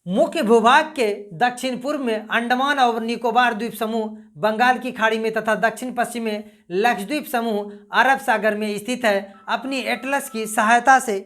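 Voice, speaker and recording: A woman's voice: fairly high pitch, moderate pace, hardly any pauses, a bit bright. A woman teaching a geography lesson, repeating points and quizzing her listeners as she goes. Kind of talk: casual classroom-style lesson.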